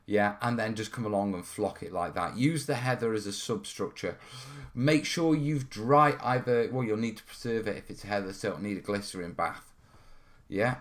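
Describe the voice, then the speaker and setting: A North Wales man hosts a live terrain-modelling hobby stream from a studio, chatting casually and answering questions. His voice is on the low side at a moderate pace, and his talk rambles informally with frequent "yeah" and "you know" check-ins.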